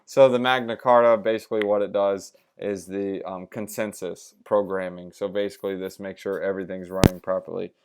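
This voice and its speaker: A man's voice: low-pitched, little pitch movement, fairly quick, few pauses, very noisy. A young man hosting a crypto review vlog like a crypto bro, talking informally with slangy asides and hype. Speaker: crypto channel host.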